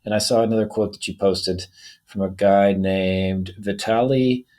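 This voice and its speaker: A man hosting a podcast, chatting in a relaxed way and telling stories with quotes. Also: lowish voice, unhurried. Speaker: podcast host. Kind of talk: casual interview chat.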